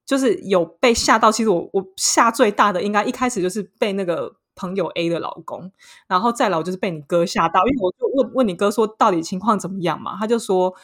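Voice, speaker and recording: A woman with a Taiwanese Mandarin accent, talking in a relaxed podcast chat with a middle-pitched voice. She tells her story with plenty of animation, dropping low and quiet, then rising high and loud. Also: fast talker. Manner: animated storytelling, swings between hushed and excited. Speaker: podcast co-host. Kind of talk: casual chat.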